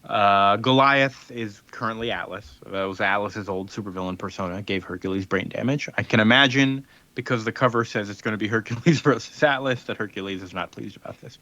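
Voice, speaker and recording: A podcast host recaps in casual chat, loosely acting out characters' dialogue in informal paraphrase. His voice is fairly low and sharp in tone, a little fast with hardly any pauses, recorded lo-fi with no echo.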